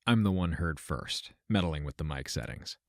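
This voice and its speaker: An actor, heavily performing, narrates an audio drama in the first person as a wry, matter-of-fact man describing his trip between simulations. His extremely low, gravelly voice moves at a moderate pace with dry, deadpan delivery and wordy, formal phrasing. Music runs underneath along with heavy background noise.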